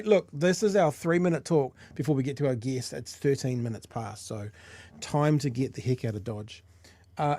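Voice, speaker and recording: A dry, close recording of a man with a New Zealand accent. He hosts a live talk show in casual chat, with a medium-pitched voice. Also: mellow, no room sound.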